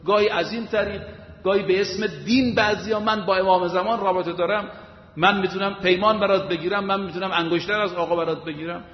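Man, preacher, high voice, emphatic sermon, rhetorical questions, long hall reverb. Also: steady tone. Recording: echoey hall, dull lo-fi sound.

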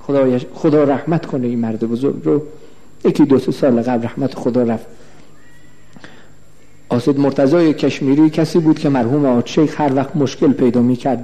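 A male cleric giving a religious lecture, slow and emphatic, repeating phrases and asking the audience questions. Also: mid-range voice, dark tone. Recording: long hall reverb.

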